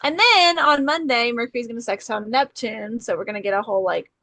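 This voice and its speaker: Chatty high-voiced woman, dry close mic. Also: fast, vocal fry, pushed and bright, no echo. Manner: bubbly, chatty, filler-heavy with frequent "like" and "okay". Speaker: astrology podcast co-host. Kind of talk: casual chat.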